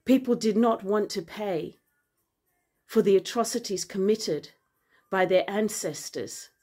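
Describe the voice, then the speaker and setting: Speaking into a phone camera at arm's length, this Zambian-raised woman in her forties, a vlogger and author, delivers an earnest, impassioned message. Her mid-range voice moves from measured to forceful, and the setting is a bright room full of plants with big windows.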